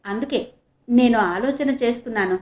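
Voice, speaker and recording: A woman's voice: a little high, moderate pace, a little mellow, lightly acted. A woman voicing a hopeful young male reporter in an audio novel, reading his lines eagerly. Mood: earnest.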